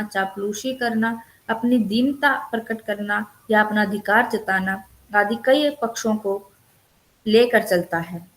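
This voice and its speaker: A woman teacher giving an online lecture, reading from her notes and stopping to explain the terms. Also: a little high. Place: recorded online counselling session.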